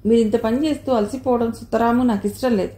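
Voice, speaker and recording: A woman's voice: fairly high pitch, steady tone, fast talker, warm tone, close to an everyday voice. A woman reading aloud voices an earnest, imploring childless young wife in a story. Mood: pleading. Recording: roomy echo.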